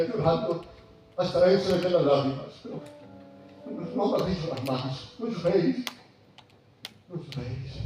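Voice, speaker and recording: A man preaches in a fairly high voice, moving from near-shouting to a hush. His voice comes from some distance and rings through a very reverberant church hall. Faint music plays under him. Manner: impassioned, swinging from loud to soft. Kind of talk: sermon. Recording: very echoey hall from far off.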